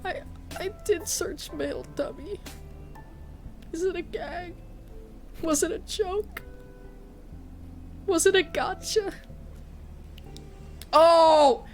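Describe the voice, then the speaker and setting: An extremely high-pitched, animated woman takes her time, leaving long pauses as she chats casually on stream. The streamer and teacher sounds sniffly and congested, talkative, swearing, and teasing herself, with faint music in the background.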